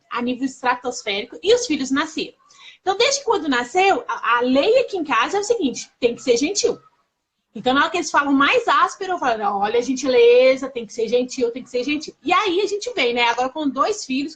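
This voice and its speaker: A Brazilian woman in her thirties, hosting a casual conversation and sharing personal stories in a lively, confiding way, often turning to speak straight to listeners. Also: high-pitched. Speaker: host.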